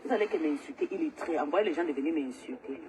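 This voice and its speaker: A woman's voice: low-pitched, lively intonation, fast talker, noisy background. A woman, ranting angrily and repetitively during a live stream. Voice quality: agitated, loud, repetitive ranting. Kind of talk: angry social media livestream rant.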